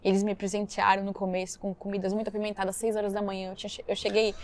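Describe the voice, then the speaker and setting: A woman from Brazil, a missionary guest on a podcast, telling her story lively and acting out the dialogue. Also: medium pitch, very fast. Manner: animated storytelling, acts out quoted dialogue. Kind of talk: storytelling interview.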